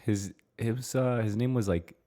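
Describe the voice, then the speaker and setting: A man with a very low voice, co-hosting a casual podcast chat. He talks in a laid-back way and teases dryly. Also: normal speed, mellow. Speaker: podcast co-host.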